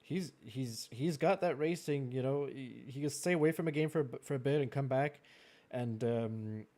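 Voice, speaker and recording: French Canadian male host, mid-pitched, chatty, laughs often, loose filler-heavy draft commentary. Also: normal speed, a little mellow. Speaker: host of a racing league draft. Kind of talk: live-streamed draft commentary.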